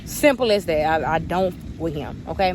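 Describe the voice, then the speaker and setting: A woman's voice: deep voice, lively intonation, moderate pace, noisy background. A young woman answering viewer questions in a candid, chatty story-time vlog. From United States.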